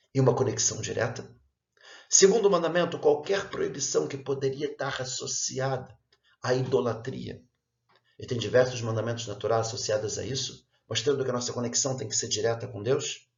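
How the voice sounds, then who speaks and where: A man giving an earnest religious lesson, explaining each point in a measured way. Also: mid-range voice, roomy sound, muffled recording. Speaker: religious teacher.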